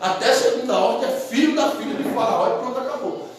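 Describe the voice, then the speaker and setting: A man's voice: very high-pitched, a little fast, a crowd in the background. A man voicing a strong-willed royal young woman. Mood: commanding. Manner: firm, decisive. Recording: very echoey hall, from far off.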